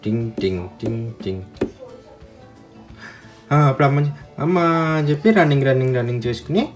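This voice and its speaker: A woman's voice: rumbling low, expressive, brisk, a little mellow, faint music behind. A woman telling a picture story to a child, asking the listener questions and adding playful sound effects.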